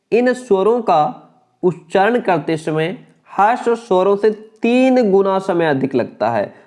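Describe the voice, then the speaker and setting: Guy teaching an exam prep grammar class, fairly high voice, keeps quizzing and repeating stuff. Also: darkish tone. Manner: asks questions and answers them himself, repeats key points.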